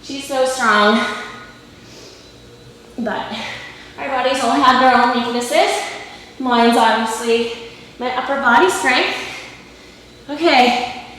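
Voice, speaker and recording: Breathy-from-exertion woman coach, very echoey room. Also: high voice, slow pace, pauses often, fairly bright tone. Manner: talking while doing push-ups and lunges, with effort; encouraging, instructive cueing. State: slightly out of breath. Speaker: fitness instructor. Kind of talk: coaching a workout while exercising. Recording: very echoey room, faint background noise.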